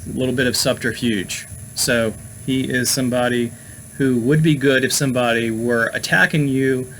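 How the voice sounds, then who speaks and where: A man hosts a casual talk on occult topics at a middle pitch. He meanders through his points with frequent fillers and restarts. A faint background hum sits under his voice. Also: steady tone, normal speed, fairly bright tone, poor audio. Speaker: host.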